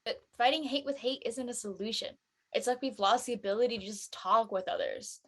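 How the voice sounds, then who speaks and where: Reading for a drama, a woman with a higher, fairly quick, everyday-sounding voice plays an earnest churchgoing teenage girl. The character is a preachy friend who explains things in casual slang.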